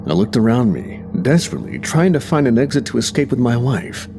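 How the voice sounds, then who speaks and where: A man's voice: mid-range voice, sing-song, fairly quick. A man narrating a first-person horror story in a tense, dramatic way. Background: music.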